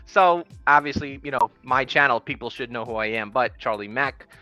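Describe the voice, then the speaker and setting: A man's voice: medium pitch, normal speed, bright, forceful tone, faint music behind. A man with a New York accent hosting a casual livestream interview over a video call, upbeat and joking. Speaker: host.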